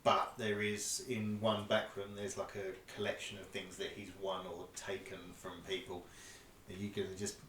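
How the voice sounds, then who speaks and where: A man narrating as game master of a tabletop game, describing rooms and rolls in a relaxed, rambling way. His voice sits at an everyday pitch and is heard from a mic some distance off, with a roomy echo and a faint hiss behind him. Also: normal speed. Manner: loose, conversational describing with fillers.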